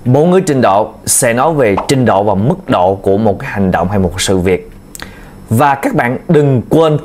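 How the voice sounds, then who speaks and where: A man's voice: mid-range voice, darkish tone. A man teaching a video language lesson, patiently repeating key points to his learners. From Vietnam. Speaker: Chinese teacher.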